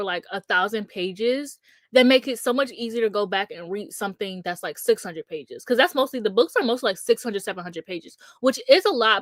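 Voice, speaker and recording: A woman's voice: on the high side, fairly bright tone, no echo. A woman in her twenties chatting casually about books, rambling with frequent restarts and filler words, blunt and candid. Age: 20s. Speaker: streamer host.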